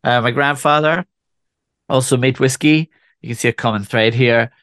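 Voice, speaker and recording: A man in his forties from Scotland, with a faint Scottish accent, telling his story as an interview guest in a relaxed way with frequent restarts. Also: medium pitch, normal speed, dry recording. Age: 40s. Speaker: whisky ambassador guest. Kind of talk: conversational interview.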